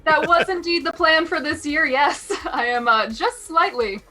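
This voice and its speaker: A woman's voice: sits high, measured pace, pushed and bright. A woman playing a glamorous rave-diva persona, airy and dramatic, over a remote call. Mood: wistful. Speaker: competing artist.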